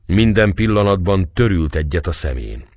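Low expressive male audiobook narrator. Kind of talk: audiobook reading of a novel.

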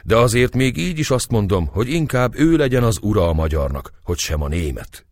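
A man's voice: on the low side, sing-song, no echo, studio quality, pitched above the performer's own voice. A man voicing an old priest whose speech is muffled, with blurred consonants. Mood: stubborn. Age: older.

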